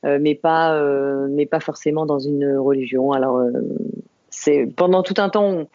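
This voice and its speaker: A woman of about fifty from the Paris suburbs, a podcast guest talking about her life in a reflective, unhurried way, pausing and restarting often. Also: low voice, fairly even intonation, warm tone, no room sound, muffled recording. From Paris suburbs, France. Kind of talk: podcast interview conversation.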